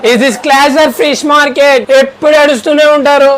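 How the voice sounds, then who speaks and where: A man's voice: extremely high pitch, flat delivery, measured pace, fairly bright tone, faint music behind, a faint crowd, pitched above the performer's own voice. A man playing a strict, scolding maths teacher lady. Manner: scolding, bossy.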